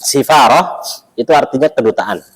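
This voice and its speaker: An Indonesian-accented man leads a mosque class through an Arabic textbook. His delivery is relaxed and chatty, full of asides and quick checks with his students, at a middle pitch. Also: slightly rough, rough recording. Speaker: Arabic teacher.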